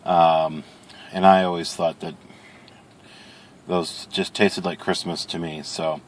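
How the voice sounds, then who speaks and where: Low-voiced man in a casual video chat. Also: flat delivery, slow pace. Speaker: pipe-smoking video reviewer. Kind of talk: casual chat product review.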